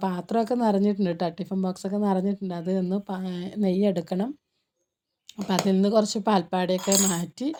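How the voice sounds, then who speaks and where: Soft-spoken woman with a sore throat. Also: fairly low pitch, slight background noise. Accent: Palakkad Malayalam. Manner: speaks softly and slowly; chatty, ends sentences with little tag words. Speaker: cooking and home vlogger. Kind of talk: casual voice-over narration.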